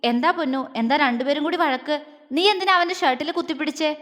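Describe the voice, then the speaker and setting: A woman voicing a gentle, caring young man. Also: high voice, fairly quick, in a large hall. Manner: soft, soothing, affectionate.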